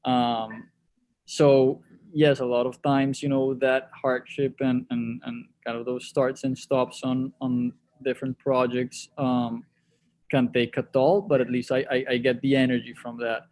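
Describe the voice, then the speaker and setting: A man's voice: mid-range voice, little pitch movement, a little slow, darkish tone. A man, a guest answering interview questions over a video call in a thoughtful way, often restarting his sentences. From Colombia. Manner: thoughtful, with frequent restarts and repeated words. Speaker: sports league executive guest.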